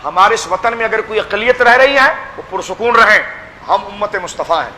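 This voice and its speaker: High, bright impassioned Pakistani preacher man. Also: lively intonation, long reverb tail. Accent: Pakistani Urdu. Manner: impassioned, exhorting, addresses listeners as children. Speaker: pir giving a religious speech. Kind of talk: fervent sermon at a gathering.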